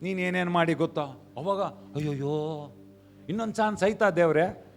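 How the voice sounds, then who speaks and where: A male pastor preaching a sermon in a church, mixing in English phrases, swinging from quiet acted dialogue to shouted peaks. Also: high voice, fast talker, gravelly, soft background music. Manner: mixes English phrases into Kannada.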